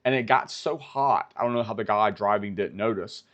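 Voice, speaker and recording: A man's voice: on the low side, normal speed, a bit bright, lo-fi sound. American man telling a car story. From United States. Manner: storytelling, repeats himself. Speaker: vlogger. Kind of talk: live-stream commentary.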